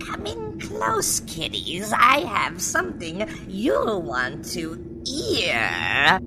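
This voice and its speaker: A ghoulish crypt-keeper hosts like a vintage horror narrator, campy and gleefully macabre. The voice is drawn out very slowly and swoops wildly, over heavy rumbling noise. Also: wildly swooping pitch, exaggerated voice. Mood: gleefully sinister. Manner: theatrical, drawn-out delivery with cackles. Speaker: host.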